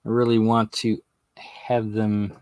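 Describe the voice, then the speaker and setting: A man hosting a hobby livestream, talking slowly and haltingly as he works on a craft project. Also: lowish voice, flat delivery, a little mellow, clean tone, no echo. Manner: slow, halting, thinking aloud while working. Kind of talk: casual livestream commentary while crafting.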